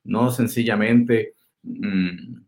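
Male host, low voice, affirming wrap-up talk. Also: fairly even intonation, drawn-out words. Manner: warmly affirming, thanks the preacher. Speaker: program host.

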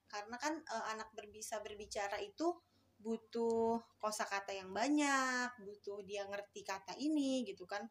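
A woman's voice: mid-range voice, moderate pace. A woman speech therapist, a guest on an interview show, explaining her work in a casual, hesitant way with many fillers and restarts.

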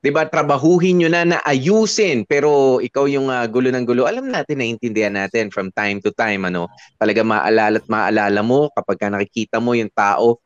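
A man of middle pitch offering earnest relationship advice in Taglish. His voice sounds dry and close, with no room around it. The recording is a little dull. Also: brisk, smooth, no room sound. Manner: earnest, reflective, Taglish, many tag questions. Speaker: radio advice host. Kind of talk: advice talk to listeners.

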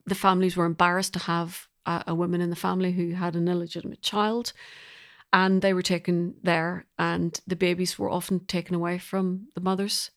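A woman from Belfast, Northern Ireland, speaks fairly quickly in a fairly low, level voice. She is a guest on an interview, describing her work in a reflective, conversational way.

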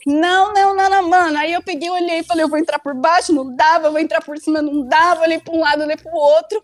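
A woman's voice: high-pitched, very fast, no room sound. A young woman tells a funny story casually, acting out her own lines. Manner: animated, acts out her own past lines.

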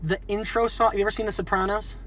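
A man's voice: high-pitched, steady tone, fast talker, fairly bright tone. A young man co-hosting a podcast, joking around and laughing through crude banter. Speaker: podcast co-host. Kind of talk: casual chat.

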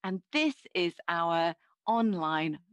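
A woman's voice: lowish voice, lively intonation, takes it slowly, clean tone, no echo. Woman's live interpreter voice, dry and close. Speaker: live interpreter voicing a signing podcast host. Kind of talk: live interpreter voice-over of sign language.

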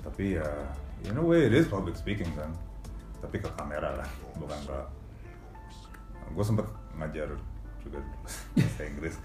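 A man's voice: extremely low pitch, lively intonation, normal speed, roomy sound, music in the background. A news anchor man talking casually about his work, slipping English phrases into his speech and laughing often. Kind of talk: casual podcast interview.

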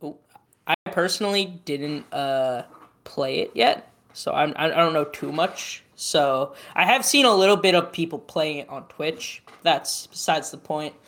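A man's voice: on the high side, animated, measured pace, creaky, a bit bright. A young man co-hosting a casual gaming podcast, teasing and opinionated, with hesitant restarts. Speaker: podcast co-host. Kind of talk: casual gaming news chat.

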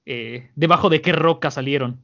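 A man's voice: a little high, moderate pace, creaky, pushed and bright. A man with a Mexican accent voicing a smug, mocking male pirate captain, scornful and long-winded, on a muffled lo-fi recording. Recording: muffled lo-fi audio.

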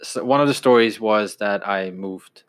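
A man in his twenties from Denmark, chatting on a podcast. His voice sits low, and he tells his stories in a relaxed, unhurried way, sometimes restarting a sentence. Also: clear, resonant tone. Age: 20s. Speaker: podcast co-host. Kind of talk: casual chat.

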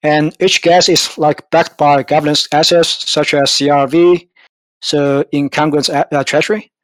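A man's voice: on the high side, flat delivery, measured pace, dry recording, low-quality recording. A man on a crypto community call, explaining a token design in a hesitant way with many fillers. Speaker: project team member explaining tokenomics. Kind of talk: casual AMA explanation.

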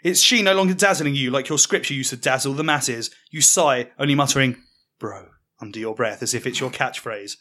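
A man telling a mocking comic story in the second person, with deadpan delivery. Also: medium pitch, fairly quick, few pauses. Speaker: podcast storyteller.

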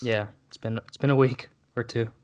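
A man's voice: medium pitch, steady tone, brisk, a little mellow, no echo. A man co-hosting a casual chat, with a wry, teasing manner. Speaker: podcast co-host.

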